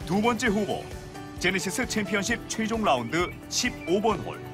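A man delivering scripted highlight commentary as a golf commentator, in an announcer's style. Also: big pitch swings, moderate pace. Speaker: golf commentator, video narrator. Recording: music bed under voice. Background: loud background music.

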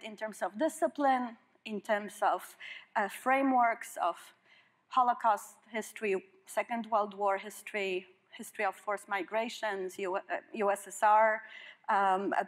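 A woman moderating an onstage conversation, asking long questions with many hesitations. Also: mid-range voice. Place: stage of an auditorium.

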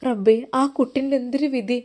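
A woman doing a tearful middle-aged father who speaks in a low, choked, pleading voice with a Malappuram Malayalam accent. He is anxious and heartbroken, pushing his words out quietly. The voice sits fairly high for a man. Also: brisk.

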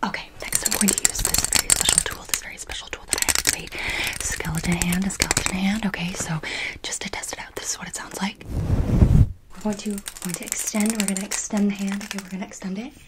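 A young adult woman in a whispered role-play as a massage therapist, giving fast, repetitive ASMR patter and short instructions. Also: medium pitch, steady tone, low-quality recording. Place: bedroom, indoors.

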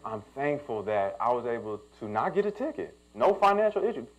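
A man's voice: mid-range voice, sing-song, a little fast, dull audio, a little hiss or hum. A young man, a pastor telling a personal story in a sermon and building to emphatic preaching.

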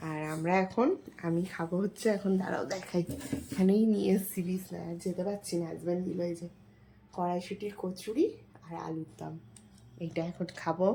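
Softly speaking woman vlogger at night. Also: on the low side, fairly even intonation, a little fast, creaky, slight background noise. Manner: speaking softly so her sleeping daughter is not woken. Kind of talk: casual chat to viewers. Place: bedroom at night.

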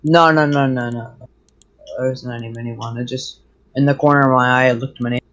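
Young guy gaming with a friend, mid pitch, rambly and jokey. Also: fairly even intonation, fairly quick, fairly bright tone, dull audio. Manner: rambling, joking, trails off mid-thought. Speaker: gaming co-player. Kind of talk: casual gameplay chat.

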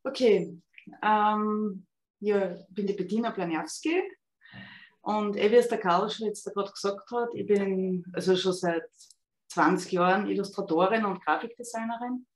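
A woman's voice: mid-range voice, moderate pace. Woman telling her story on a call. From Austria. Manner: chatty with many fillers. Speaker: illustrator guest. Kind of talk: casual storytelling. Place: room at home with a lamp. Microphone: video call. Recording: echoey video call audio.

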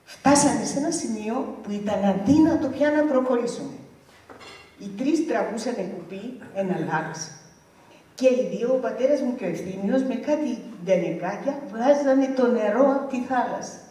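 A woman's voice: on the high side, animated, warm tone. An older woman, telling a vivid family story at a community event and acting out the words of the people in it. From Greece, Ikaria. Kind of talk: oral history storytelling. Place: village cultural association hall. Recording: echoey hall heard from far off.

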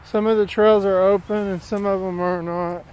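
A plainspoken vlogger chats casually while walking a wooded dirt trail outdoors, filming on a handheld phone and rambling from one thought to the next. His voice sits a bit high, level and at normal speed, with a clear, smooth, slightly mellow tone.

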